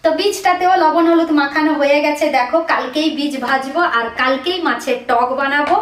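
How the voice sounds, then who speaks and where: A woman's voice: sits high, fairly quick. Chatty woman vlogger in an echoey room. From Bengal. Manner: chatty, keeps asking the viewers "you know?". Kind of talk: casual home vlog chat. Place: small home kitchen indoors. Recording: echoey room, faint noise.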